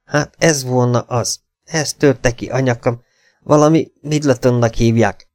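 A man's voice: mid-range voice, steady tone, a little mellow, no room sound, clean studio sound, voice pushed up, close to an everyday voice. A man doing a blustering, hot-tempered villain corporal. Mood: bitter. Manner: angry, blustering.

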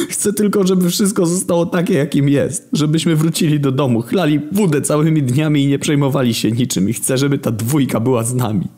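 A man voicing a foul-mouthed male horseman of the apocalypse who shouts crudely and tearfully. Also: fairly high pitch, brisk, voice pushed up, close to an everyday voice. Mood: desperate.

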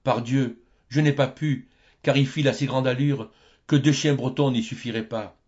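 A distressed old peasant woman who has lost her rooster pleads and exclaims in a raised, strained voice, as a man puts her on. Her voice rises well above the reader's deep tone. It comes through a dull, lo-fi storybook recording. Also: fairly even intonation, normal speed, a little mellow, close to an everyday voice. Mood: lamenting.

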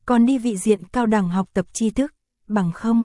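A woman reading a fantasy novel aloud as an audiobook narrator, in a steady, even storytelling style. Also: fairly high pitch, unhurried, no echo. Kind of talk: scripted narration.

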